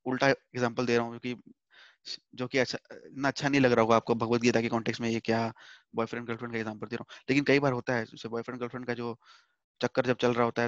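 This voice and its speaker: A man's voice: medium pitch, dry recording, highs cut off. A man teaching a Hindi scripture class online from home, explaining patiently, repeating points and mixing in English words.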